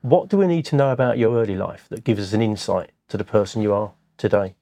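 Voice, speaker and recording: A man's voice: on the low side, lively intonation, quick pace, mellow, dry recording. Upbeat male podcast host asking questions. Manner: upbeat, enthusiastic. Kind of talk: casual interview questions. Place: dental clinic office.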